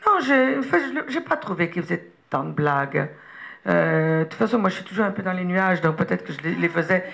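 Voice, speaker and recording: A woman giving a relaxed interview as an actress, telling anecdotes in a chatty way with frequent laughs and hesitations. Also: fairly low pitch, fairly quick, gravelly.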